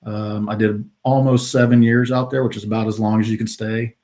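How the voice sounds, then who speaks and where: A retired American soldier, middle-aged, recounts his career as a guest on a podcast. His voice sits on the low side and moves fairly quickly, loose and peppered with fillers in casual interview talk.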